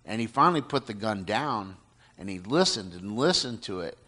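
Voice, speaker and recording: Earnest male storyteller, slightly low pitch, halting conversational delivery. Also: expressive, pushed and bright. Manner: earnest, halting, many restarts and "you know". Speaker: storyteller retelling a testimony. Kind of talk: casual spoken retelling.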